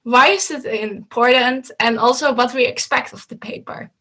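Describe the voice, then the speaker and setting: Over a video call, a woman coach explains slides to her students from an indoor home room with bookshelves. She talks steadily and instructively at a moderate pace in a slightly high, somewhat bright voice, slipping and restarting a few times.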